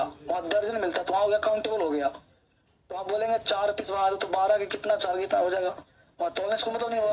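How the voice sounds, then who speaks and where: A man's voice: high voice, poor audio. Chatty male teacher quizzing his class. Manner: chatty, keeps quizzing students with questions; tells personal anecdotes while teaching. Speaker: English teacher. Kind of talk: online coaching class lecture.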